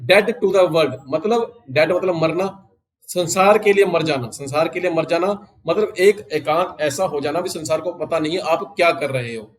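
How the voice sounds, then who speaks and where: A man teaching English idioms in Hindi, reading each English phrase slowly and repeating it, with an Indian English accent. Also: a little high, poor audio. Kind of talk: recorded exam-prep lesson.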